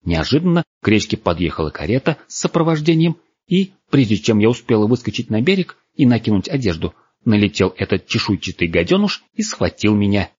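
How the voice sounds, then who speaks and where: Haughty young woman in a constant rage, played by a man reading a storybook; shrill, high, indignant shrieks, dry sound. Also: big pitch swings, brisk, darkish tone, slightly rough, no room sound. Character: furious haughty young woman from another world. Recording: dull, dry lo-fi recording.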